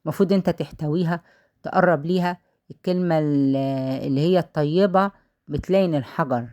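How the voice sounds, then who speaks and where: A woman's voice: low-pitched, fairly quick, dark tone. A woman with an Egyptian accent, chattily retelling someone else's story in a casual way and then giving her own advice. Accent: Egyptian Arabic.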